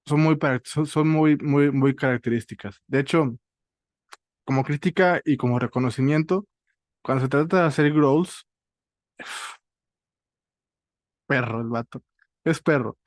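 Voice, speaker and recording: A man's voice: medium pitch, measured pace, pauses often, no echo, clean studio sound. A man with a Mexican accent hosting a casual music review chat in a playful, slangy way. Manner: playful, slangy, leading the talk. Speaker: podcast host.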